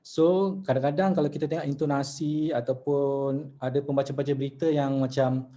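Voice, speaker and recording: A man with a Malaysian accent teaching news presentation in an online masterclass, chatty and relaxed, mixing in English words and reading sample news lines. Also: medium pitch, normal speed.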